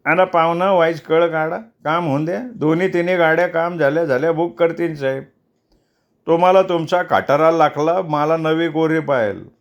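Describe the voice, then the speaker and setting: A man's voice: fairly high pitch, normal speed, highs cut off, voice pushed up, lightly acted. A man voicing a placating middleman who coaxes and soothes. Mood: coaxing. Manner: coaxing, conciliatory. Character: placating middleman friend, coaxing.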